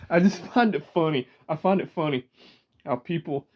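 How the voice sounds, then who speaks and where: A man's voice: on the high side, a little mellow. A man from Georgia with a Southern drawl, talking casually to the camera, chatty and rambling, laughing often. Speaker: vlogger. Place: small room indoors, sitting in a rocking chair. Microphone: camera in front of him.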